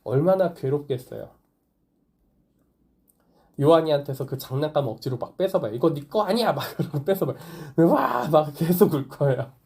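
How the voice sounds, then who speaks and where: A male pastor gives a sermon in a relaxed, conversational way. He often puts questions to his congregation. His voice sits a little high and sounds warm and mellow. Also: normal speed, gravelly. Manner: conversational preaching, asks the congregation questions, light laughs. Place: small church or online worship service.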